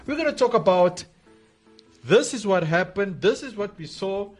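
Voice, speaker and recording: A man's voice: high-pitched, animated, moderate pace, soft background music. A man hosting a casual radio sports show in a welcoming manner, often repeating words and phrases for emphasis. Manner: welcoming, greets listeners and co-host. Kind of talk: casual chat with co-host.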